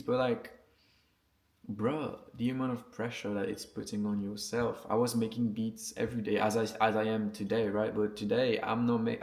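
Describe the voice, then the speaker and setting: Here a man with a low, gravelly, slightly mellow voice vlogs to camera in English, which isn't his first language. The music producer keeps it informal, slangy and sweary but sincere, often checking in with his audience.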